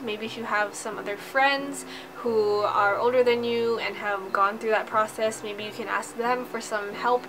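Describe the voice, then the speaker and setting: A woman in her twenties from Hawaii, giving upbeat casual advice to the camera from her bedroom and saying "like" often. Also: fairly high pitch. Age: 20s. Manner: chatty, upbeat, lots of "like". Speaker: vlogger. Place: bedroom, indoors. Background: background music.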